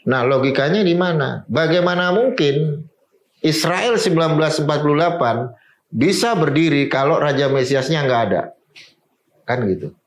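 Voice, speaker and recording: A man's voice: fairly high pitch, animated, normal speed, echoey room, poor audio. A man speaking as a guest in an interview, explaining at length and mixing in Hebrew and English terms.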